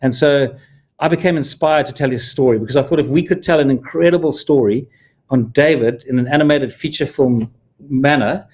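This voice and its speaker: A man's voice: medium pitch, fairly quick, darkish tone, husky. A man from Zimbabwe hosting a live stream as a film producer, talking in an earnest, heartfelt way with small restarts. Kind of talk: casual live-stream talk.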